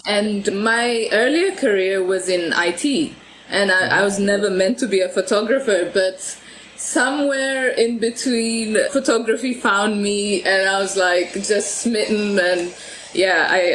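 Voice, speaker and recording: A woman from Ethiopia chats as a podcast guest in an easy, friendly way. She laughs often and stumbles over the starts of her sentences. Her pitch is middling, and faint noise sits under her voice. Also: fairly bright tone, poor audio. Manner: chatty, laughs often, repeats words when starting sentences. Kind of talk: casual interview chat.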